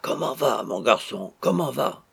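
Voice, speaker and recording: A man voicing an anxious, gruff old sea captain who pleads insistently in a big, gravelly voice. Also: medium pitch, big pitch swings, unhurried, fairly bright tone, no room sound, exaggerated voice. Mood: urgent pleading.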